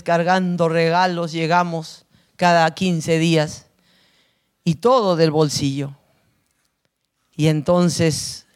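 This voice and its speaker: Lady preacher telling prison stories, slow and blunt, very direct. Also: on the low side. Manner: blunt, emphatic storytelling. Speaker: prison minister. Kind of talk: testimony sermon to a congregation.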